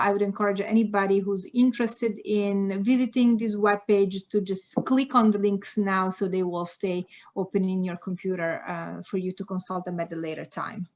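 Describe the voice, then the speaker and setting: Brief: woman moderator on a call, slightly dull lo-fi sound, polite, filler-heavy. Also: medium pitch. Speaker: moderator of an online dialogue. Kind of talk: moderating a video meeting. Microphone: video call.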